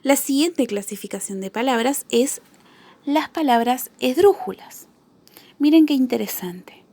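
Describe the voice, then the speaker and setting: A woman teacher giving a spelling lesson to children, repeating each example word slowly and carefully. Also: high-pitched, animated, mellow.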